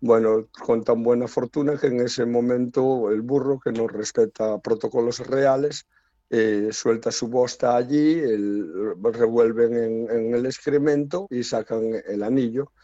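A man from tells a folk tale to a listener, unhurried and wry. His voice is mellow and dark. The recording is dry, close and lo-fi. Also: mid-range voice, steady tone, dry recording. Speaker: storyteller. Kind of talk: telling a folk tale in conversation. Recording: dull lo-fi, dry sound.

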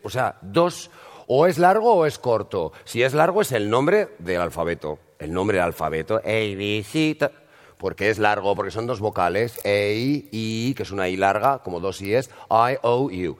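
A man who teaches English pronunciation, giving a jokey, instructive talk to an audience and spelling sounds out. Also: on the low side. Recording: reverberant hall.

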